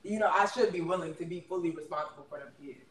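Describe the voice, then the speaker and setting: A man's voice: a little high, fast, a bit bright, echoey room, far from the mic, a little hiss or hum, rough recording. A man co-hosting a casual chat, rambling with many fillers and laughing easily.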